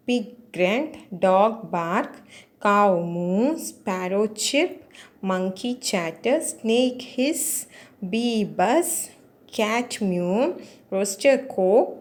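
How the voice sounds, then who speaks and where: A woman teaching young children, slowly repeating each word so they can learn it. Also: mid-range voice, darkish tone. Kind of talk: children's vocabulary lesson.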